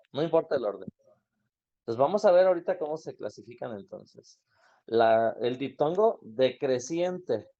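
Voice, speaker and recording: This man's voice is a little high and dark in tone. He's running an online grammar class, patiently walking through explanations and quizzing his students, all captured in dull lo-fi audio.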